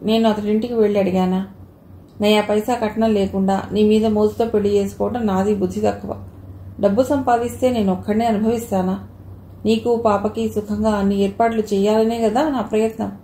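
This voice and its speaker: A woman reading the part of a curt and scornful young husband in a storybook audio novel. The voice is warm and mellow, with an echo from the room and a faint hiss behind it. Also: high-pitched, flat delivery, fairly quick. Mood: angry.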